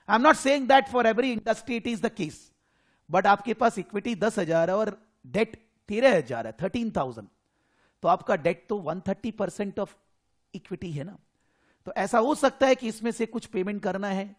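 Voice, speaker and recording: A man with an Indian accent teaching an accounting class, explaining in a mix of Hindi and English. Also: high-pitched. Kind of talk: online class lecture.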